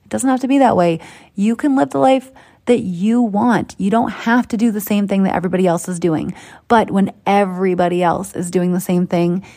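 A woman's voice: mid-range voice, steady tone, moderate pace, mellow. Woman, from Boston, podcast host, coach, chatty, upbeat, persuasive, motivational monologue.

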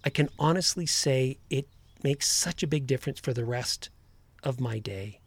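A male podcast host with some vocal fry gives a motivational talk. He speaks to listeners directly, earnest and emphatic, in a dry recording with little room sound. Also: mid-range voice, normal speed, no echo.

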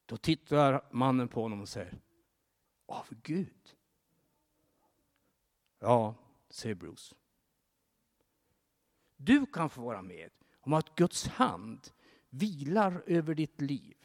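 A man preaching a sermon, telling a story and urging his listeners to pray, rising to emphatic, higher-pitched exhortations. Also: big pitch swings, pauses often. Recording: long reverb of a large hall.

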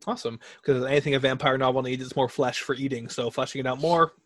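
Male interviewer, middle pitch, dry close recording, casual with quick jokes. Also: fairly even intonation, fairly bright tone, no room sound.

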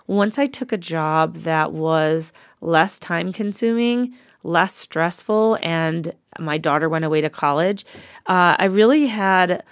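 A woman's voice: lowish voice, slow pace, dry recording, clean studio sound. A woman in her forties co-hosting a podcast, talking frankly in casual chat with frequent ums. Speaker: podcast co-host.

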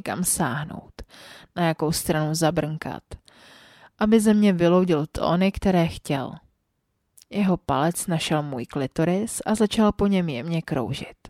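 A woman narrating a story for her podcast in a soft, intimate voice that often sinks close to a whisper. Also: fairly low pitch, no echo. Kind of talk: scripted audiobook-style story narration.

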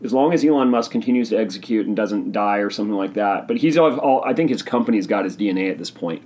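A man hosting a casual solo podcast, talking in an excitable, rambling, opinionated way while sipping a drink. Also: lowish voice, quick pace. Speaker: podcast host.

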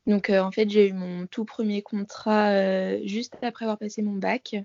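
A woman's voice: medium pitch, level tone, normal speed, mellow, dry recording. Young woman over a dull call line. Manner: many fillers, loose and chatty. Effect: over a phone call line. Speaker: dancer, interview guest. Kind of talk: casual chat.

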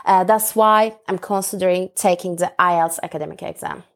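A woman's voice: fairly low pitch, fairly even intonation, normal speed. A woman in her thirties from Turkey, a Turkish native speaker, answering interview questions in English with a hesitant, filler-heavy manner. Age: 30s. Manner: hesitant, frequent "uh", laughs easily. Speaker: interview guest, English student. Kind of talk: casual interview chat.

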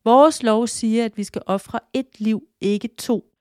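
Wise old-soul deer king, a woman doing the voice, solemn and steady, storybook style. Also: a little high, natural voice. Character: noble calm male deer king, wise.

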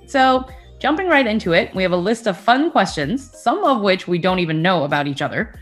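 A woman's voice: mid-range voice, very animated, a little fast, faint music behind. A young adult woman co-hosting a podcast, chatting casually with a friend and laughing often. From United States. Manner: giggly, chatty, frequent laughter. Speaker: podcast co-host. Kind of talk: casual chat.

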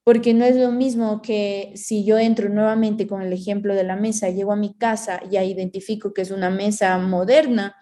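Woman, mellow voice, reflective chat, explains with analogies, acts out inner voices. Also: medium pitch, fairly even intonation, moderate pace, few pauses.

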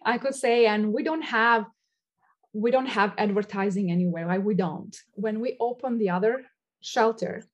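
Shelter coordinator, female, Albanian accent, fairly high voice, earnest, non-native English phrasing. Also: darkish tone. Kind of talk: earnest interview talk.

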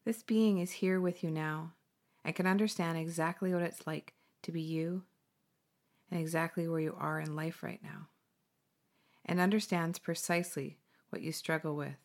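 A woman hosting a guided meditation, speaking slowly and soothingly with gentle pauses. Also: sits low, fairly even intonation.

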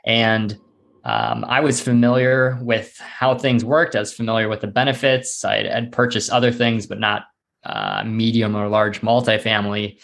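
A man speaking as a real estate investor guest in a casual interview, explaining in a measured, matter-of-fact way. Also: fairly low pitch, level tone, creaky, fairly bright tone.

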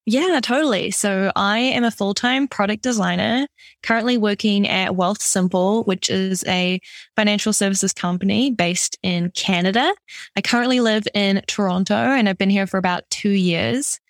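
A woman's voice: medium pitch, normal speed, no room sound. Chatty new zealand woman, dry close mic. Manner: upbeat, chatty, lots of "like" fillers. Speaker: guest product designer. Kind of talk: conversational interview.

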